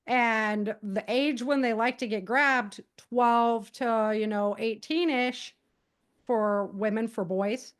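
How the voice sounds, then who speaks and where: Her voice is smooth and a little high, with fairly even intonation and a slow pace. A middle-aged author and self-defense advocate, she appears as an interview guest on a podcast, emphatically giving advice, repeating key points and performing example exchanges.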